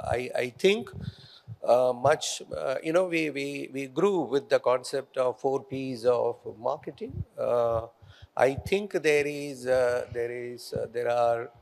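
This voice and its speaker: Gravelly middle-aged man speaking hesitantly. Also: mid-range voice, darkish tone. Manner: measured, hesitant, many fillers and restarts. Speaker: guest speaker, company executive. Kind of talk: onstage conference conversation. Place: large conference hall stage. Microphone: handheld mic.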